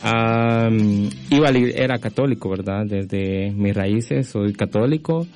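Low-voiced man hosting radio. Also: unhurried, a little mellow, soft background music. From Guatemala. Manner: friendly, keeps adding tag questions. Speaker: radio host. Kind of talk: casual religious radio talk.

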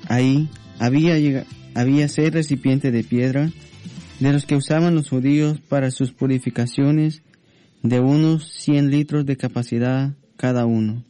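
A man reading a Bible passage aloud in a steady, measured way on a religious radio program. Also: medium pitch, soft background music. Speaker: scripture reader.

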